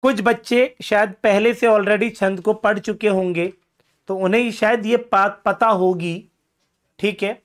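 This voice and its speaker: A man's voice: high-pitched, fairly even intonation, measured pace, fairly bright tone. Guy teaching grammar for exam prep, keeps asking stuff and answering it himself, jokes about his own voice. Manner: addresses students as friends, asks and answers his own questions; self-deprecating joking asides.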